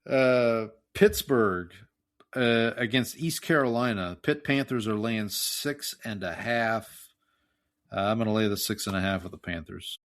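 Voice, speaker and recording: A man's voice: fairly low pitch, a little slow, a bit bright. A man co-hosting a podcast in casual sports-betting chat, wryly running through matchups and point spreads. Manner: wry, reads matchups and spreads plainly. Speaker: podcast co-host.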